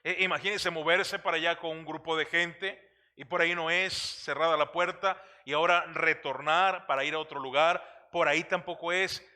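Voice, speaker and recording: Man preaching in church, kinda high bright voice, asks the crowd stuff, lots of ums. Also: moderate pace. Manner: animated preaching with many fillers and questions to the congregation. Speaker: pastor. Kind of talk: sermon.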